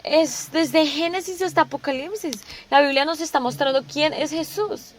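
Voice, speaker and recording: A woman preaches a sermon in a notably high voice. She keeps asking her listeners rhetorical questions. She restates each point several times before moving on. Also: moderate pace, a little hiss or hum.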